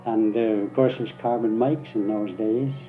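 A man's voice: fairly low pitch, fairly even intonation, moderate pace. An older man, a retired radio engineer, relaxedly reminiscing in an interview with hesitant fillers, heard through a gritty early-microphone sound. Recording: tinny lo-fi archival tape, faint music behind.

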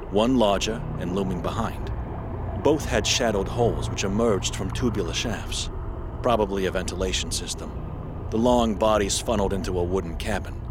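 Man, story narration, calm, measured, low voice. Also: background noise. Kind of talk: scripted narration.

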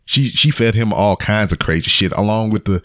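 Deep-voiced man telling a wild story. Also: fairly quick, no room sound, studio quality. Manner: profane, animated storyteller acting out quotes. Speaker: podcast co-host. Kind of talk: casual storytelling chat. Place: home podcast studio.

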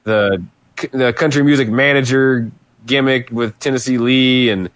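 A man co-hosts a chatty podcast, explaining things in a relaxed, knowing way with plenty of fillers. His voice sits in a middle pitch and sounds dry and close to the mic. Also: moderate pace, no room sound. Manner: relaxed, knowledgeable, easygoing with fillers. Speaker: podcast co-host. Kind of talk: casual chat about old wrestling.

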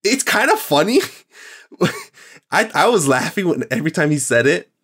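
A man's voice: a little high, sing-song, normal speed, a bit bright, husky. A man hosting a podcast in casual chat, rambling and enthusiastic, with plenty of fillers and restarts. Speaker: podcast host.

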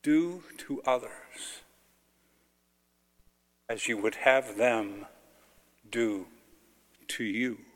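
A man, a clergyman, solemnly proclaiming scripture in deliberate short phrases, in a cathedral-like echo. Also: medium pitch, a bit bright. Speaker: clergyman reading the Gospel. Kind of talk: solemn liturgical Gospel proclamation. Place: large reverberant church. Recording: cathedral-like echo, long reverb.

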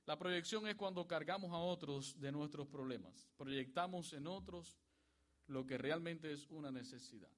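A man preaching a sermon to his congregation. He asks the congregation to repeat words after him and lifts his voice when he quotes scripture. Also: normal speed. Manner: rises in pitch and volume when quoting scripture. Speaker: pastor.

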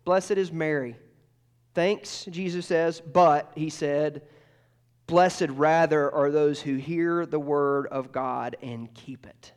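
Earnest higher-voiced male pastor preaching. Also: fairly even intonation, slow pace, smooth. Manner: earnest, repeats phrases, drops to soft tones in prayer. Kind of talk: sermon.

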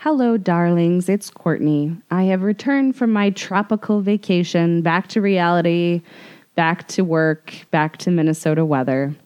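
A woman's voice: fairly low pitch, measured pace, a little mellow, highs cut off. A woman co-hosting a podcast, telling a news segment conversationally in a composed, explanatory way. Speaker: podcast co-host.

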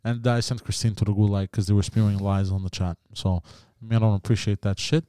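A man's voice: fairly low pitch, fairly even intonation, fast, mellow, smooth, dry recording, clean studio sound. A man chatting casually as a podcast co-host, with teasing, sweary banter. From Quebec, Canada. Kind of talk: casual chat. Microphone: podcast mic with headphones.

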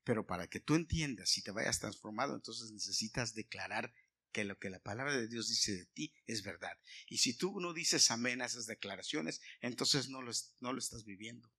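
A male pastor preaching a sermon to his congregation. He asks the listeners questions and swings from loud emphatic lines to quiet asides. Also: medium pitch, expressive, moderate pace, breathy edge. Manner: asks the congregation questions, sings snatches of a hymn.

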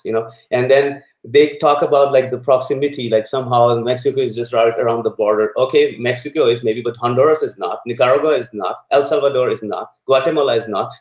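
A man from Pakistan, a guest in a political interview, speaking haltingly with many fillers and growing indignant. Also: mid-range voice, a little mellow, reverberant, low-quality recording.

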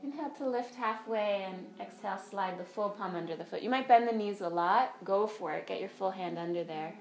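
A woman's voice: mid-range voice, fairly quick. A woman teaching a guided yoga class, giving step-by-step directions and breath counts. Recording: roomy echo, faint music behind.

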